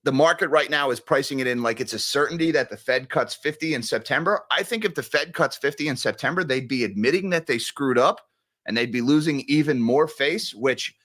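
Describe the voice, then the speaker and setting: A man's voice: mid-range voice, a bit bright. Fiery ranting man on a live stream. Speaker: co-host, commentator. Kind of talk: heated live-stream commentary.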